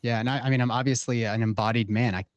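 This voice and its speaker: A man's voice: medium pitch, steady tone, fast, no room sound, muffled recording. Male podcast guest, 30s, earnest and playful, dry close sound. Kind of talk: casual chat.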